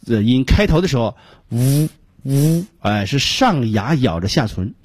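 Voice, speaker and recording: A middle-aged man with a Beijing Mandarin accent gives a radio pronunciation lesson, explaining slowly and repeating each sound he demonstrates. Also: mid-range voice, sing-song, husky. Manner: frequent filler particles between phrases. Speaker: English pronunciation teacher.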